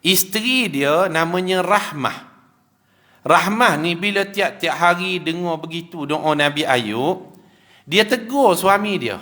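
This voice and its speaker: A man's voice: high voice, takes it slowly. A man preaching with a Malaysian Malay accent, telling stories animatedly and acting out the dialogue. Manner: animated storytelling, acts out dialogue, chuckles. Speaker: religious teacher. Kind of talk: sermon. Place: prayer hall.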